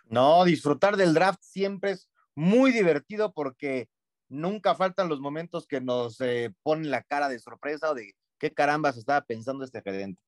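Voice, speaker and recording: A man's voice: on the high side, moderate pace. A man, a sports commentator joking in a laid-back way on a close, dry mic. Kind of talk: casual sports talk.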